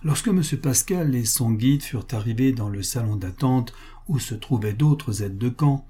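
A man reading a classic novel aloud as an audiobook narrator, in a measured storytelling manner. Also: medium pitch, expressive, mellow, husky. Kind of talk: scripted narration.

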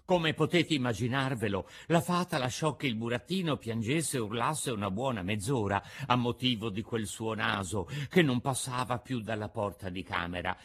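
A man's voice: medium pitch, normal speed, hardly any pauses, fairly bright tone, breathy edge. A man narrating a storybook reading in a playful, theatrical manner.

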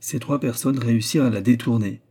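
Dark, husky male audiobook narrator. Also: medium pitch, brisk. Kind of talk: scripted narration of a classic novel.

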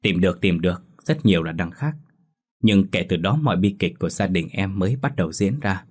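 A man's voice: low voice, expressive, a little fast, slightly rough. A man voicing a sorrowful young man who answers in a subdued tone. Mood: sad. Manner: subdued, sad.

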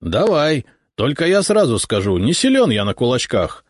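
A man's voice: medium pitch, big pitch swings, normal speed, no echo, clean studio sound, voice pushed up. A man voicing a boastful, doubting Cossack commander who talks in brash, rustic speech.

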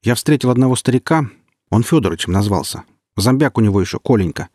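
A man voicing a rough, cynical male stalker who talks loudly and wheedles. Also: medium pitch, animated, fast talker, no echo, studio quality, pitched above the performer's own voice, close to an everyday voice. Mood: persuasive. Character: hungry cynical male stalker, gruff and pleading.

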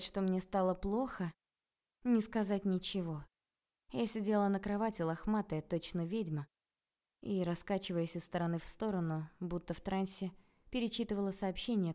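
A woman narrating a first-person audiobook in a lively, ironic storytelling manner. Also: mid-range voice.

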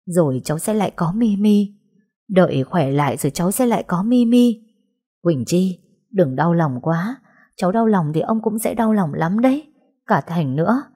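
Woman reading a soft-spoken older aunt, consoling, hesitant, low husky voice, audiobook. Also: moderate pace. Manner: soothing, hesitant. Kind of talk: audiobook dialogue.

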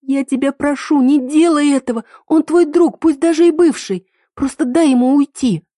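A woman voicing a desperate young woman in love, pleading in high, strained, near-shouted lines. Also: moderate pace, breathy edge, no room sound, studio quality, natural voice.

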